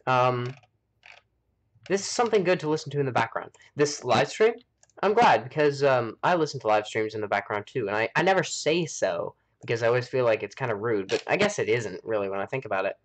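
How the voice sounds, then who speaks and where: A US man streaming a game talks casually and rambles as he thinks out loud. He speaks a little fast in a medium-pitched voice with lively intonation.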